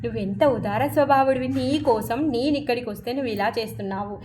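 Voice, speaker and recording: A woman voicing a divine young boy who patiently and lightly chides a priest in a soft tone. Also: fairly high pitch, brisk, voice pushed down, natural voice. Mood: gentle reproach.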